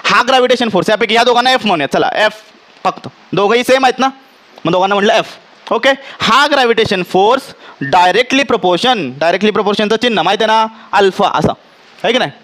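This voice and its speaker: Slowly dictating definitions and often checking on his students' understanding, a man with a Marathi accent lectures on physics in class. He has a high, slightly bright voice.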